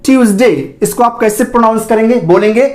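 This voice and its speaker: A man teaching a pronunciation class, asking himself questions and repeating each sound slowly for the learner. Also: high voice. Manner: explains slowly, asks rhetorical questions, repeats sounds for drill. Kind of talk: online class lesson.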